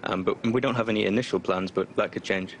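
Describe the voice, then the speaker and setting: Guy w a disguised deep voice on a call, defiant, lots of ums, low pitch. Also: steady tone, quick pace, a little hiss or hum. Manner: defiant, loose, many fillers. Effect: voice disguised lower. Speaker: spokesperson for online activist group. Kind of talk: remote interview answers. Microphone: remote call connection.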